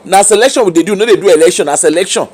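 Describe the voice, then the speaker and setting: A man's voice: high-pitched, rapid-fire, darkish tone. A Nigerian man giving informal opinion commentary in Nigerian Pidgin mixed with English, challenging with repeated rhetorical questions.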